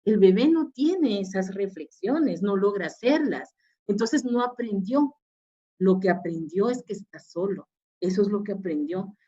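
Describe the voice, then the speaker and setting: A woman's voice: mid-range voice, warm tone. A woman psychologist giving a webinar lecture, explaining patiently with fillers and restarts. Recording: dull lo-fi webinar audio.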